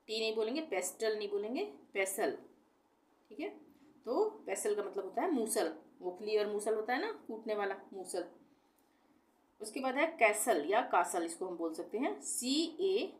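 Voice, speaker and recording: A woman teaching a pronunciation lesson at a steady, mid-pitched level. She spells each word slowly, letter by letter, then says it again. She often asks the class a question and answers it herself. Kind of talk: explaining a lesson step by step.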